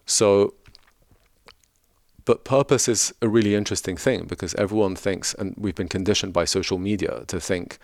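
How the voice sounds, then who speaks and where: On a reflective podcast, a thoughtful middle-aged spiritual mentor, Lebanese by background and raised in London, talks earnestly and frequently restarts sentences. His voice sits low and steady, gravelly yet a little mellow, at normal speed. The sound is clean studio audio with no echo.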